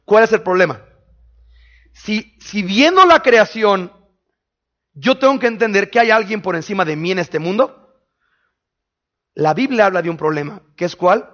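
A man preaching a sermon in a conversational way, firing quick questions at his listeners. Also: high-pitched, expressive, a bit bright, dull audio. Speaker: pastor. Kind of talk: sermon teaching.

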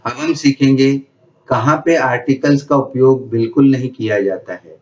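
A man teaching English grammar, reading each rule slowly and then explaining it in Hindi. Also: medium pitch, a little mellow, recorded from a distance. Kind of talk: slow, deliberate grammar lesson. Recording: echoey room, dull lo-fi sound.

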